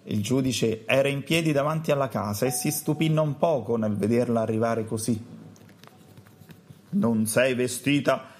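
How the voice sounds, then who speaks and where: A man narrating a children's story in a calm, storytelling way. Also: medium pitch, moderate pace, a little hiss or hum.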